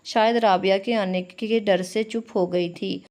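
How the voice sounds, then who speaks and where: A woman reading a romance novel aloud as narrator, with steady storytelling. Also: medium pitch, unhurried.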